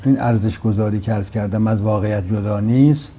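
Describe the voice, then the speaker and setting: A man in a reflective religious discussion, explaining slowly and quoting scripture. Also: on the low side, fairly even intonation, dark tone, a little hiss or hum. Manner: measured, explanatory, quotes Quranic verses. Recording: dull lo-fi sound.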